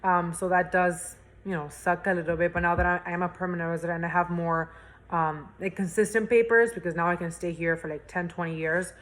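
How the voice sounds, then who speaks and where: Speaking a little fast with a fairly low pitch and steady tone, a young Spanish university student chats as an interview guest. The conversation is casual, and she fills it with restarts and fillers.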